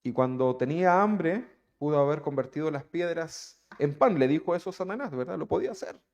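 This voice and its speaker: A man's voice: fairly high pitch, expressive, a little fast, darkish tone, muffled recording. A man preaching a sermon, who keeps asking his listeners rhetorical questions. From Chile.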